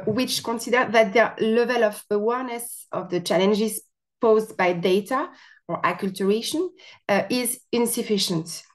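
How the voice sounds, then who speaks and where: French woman with strong accent, talking through slides on a video call, lots of ums. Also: mid-range voice. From France. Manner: hesitant, many fillers, apologetic. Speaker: presenter, company marketing officer. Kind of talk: webinar presentation.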